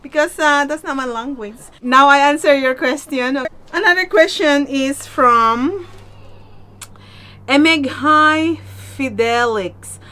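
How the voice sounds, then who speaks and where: A woman with a Filipino accent chats casually in non-native English for a question-and-answer vlog, emphatic and repetitive, often checking in with "okay?". Her voice sits high, pushed and bright, and she speaks slowly. Background noise is noticeable.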